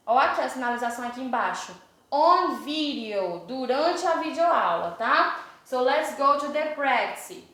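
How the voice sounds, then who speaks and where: A Brazilian woman teaches an English video lesson to children in a high voice. She explains each step and keeps asking the class questions. The room is very echoey. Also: fairly bright tone.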